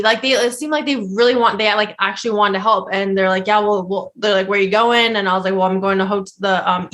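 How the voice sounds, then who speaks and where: A young woman hosting a podcast, telling a story in casual chat, rambling and animated, laughing often. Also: on the high side. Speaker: podcast host.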